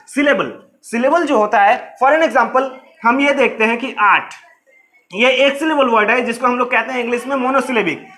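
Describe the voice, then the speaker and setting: A man's voice: very high-pitched, a bit bright. A man teaching an exam-prep lecture on English teaching methods, explaining in Hindi mixed with English terms and repeating key phrases.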